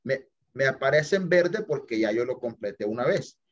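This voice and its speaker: An English teacher speaks to his class over a video call, showing an app by screen share. His voice is medium-pitched with lively intonation at normal speed; he's chatty, throws in English phrases, and keeps confirming with "listo?" and "ok?". The sound quality is dull and lo-fi.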